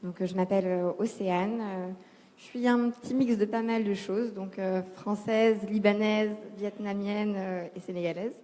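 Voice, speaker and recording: A woman panelist introducing herself in a relaxed, hesitant way. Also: medium pitch, moderate pace. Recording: long hall reverb.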